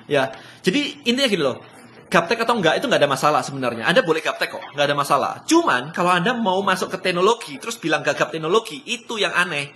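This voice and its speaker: An excitable man talks in a live-stream motivational business session. His voice sits a bit high and comes out bright and forceful, and he laughs often as he talks. He drops English phrases into his casual speech. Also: fast, a little hiss or hum. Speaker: business speaker.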